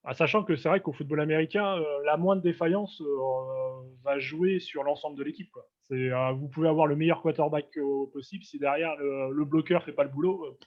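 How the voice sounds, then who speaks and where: Chatty higher-voiced male host. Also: fairly quick, few pauses. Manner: laughs often, relaxed and chatty. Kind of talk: casual interview over video call. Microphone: video call. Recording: muffled video-call audio.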